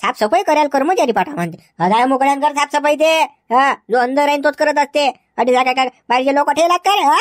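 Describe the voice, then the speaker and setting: A woman's voice: high-pitched, fast talker, hardly any pauses, no echo, clean studio sound, natural voice. A woman with a Varhadi Marathi accent playing a stern police officer who scolds and lectures a prisoner in a village comedy sketch. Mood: scolding.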